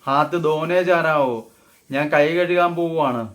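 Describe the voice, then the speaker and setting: A man gives a relaxed phrase lesson. His voice sits a little high for a man. He says each example slowly and carefully, then explains it in a conversational way. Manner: slow, deliberate model phrases, then explained in Malayalam. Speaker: Hindi teacher. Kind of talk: casual spoken-Hindi lesson.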